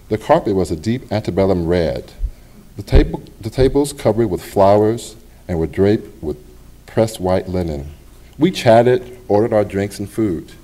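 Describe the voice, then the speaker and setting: At a public library event, a middle-aged man reads his personal essay aloud in a lowish voice. His delivery is measured and expressive, with pauses.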